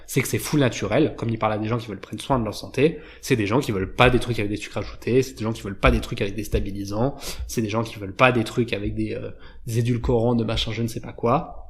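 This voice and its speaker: A man explaining advertising and copywriting in a casual, informal way, with frequent fillers and self-corrections. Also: mid-range voice. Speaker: YouTube marketing educator.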